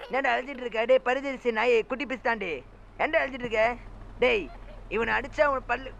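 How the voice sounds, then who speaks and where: A man giving comic gameplay commentary as a gaming YouTuber, excitable and mocking, full of exclamations. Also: very high-pitched, brisk, gravelly, lo-fi sound, slight background noise.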